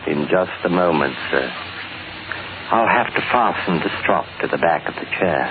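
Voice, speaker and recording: A man playing a deferential, quietly controlled butler with formal, polite manners in an old-time radio drama. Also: sits low, expressive, normal speed. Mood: polite, measured. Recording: tinny, noisy old radio recording.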